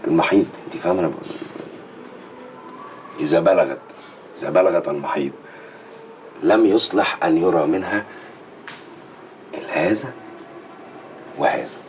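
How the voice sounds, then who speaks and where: Brother, preachy, Egyptian accent, bass voice, faint hiss behind. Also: male voice, normal speed, long pauses. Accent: Egyptian Arabic. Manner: lecturing, earnest. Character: stern pious brother, adult man, preachy. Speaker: brother lecturing his sister. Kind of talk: TV series acting.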